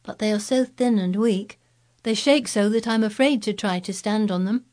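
A woman's voice: mid-range voice, moderate pace, darkish tone, voice pushed up, close to an everyday voice. A woman voicing a frail young boy, eager and wondering. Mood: timid.

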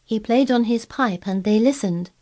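A woman's voice: a little high, moderate pace, mellow, voice pushed up, lightly acted. A woman reading aloud, voicing a blunt, contrary girl who speaks earnestly and stubbornly. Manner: obstinate, earnest, eager describing.

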